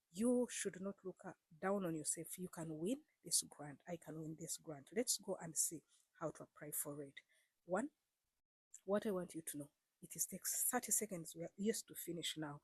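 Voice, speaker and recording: Here a female vlogger speaks with a lowish, husky voice that's a little mellow, recorded without echo. Her direct-to-camera explainer is casual and earnest, full of fillers, repetition, and gentle coaxing of her audience.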